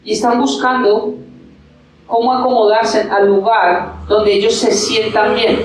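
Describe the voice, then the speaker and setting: A man's voice: high-pitched, level tone, measured pace, faint music behind. A male pastor, preaching a sermon full of rhetorical questions and acted-out quotes. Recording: echoey hall, from far off.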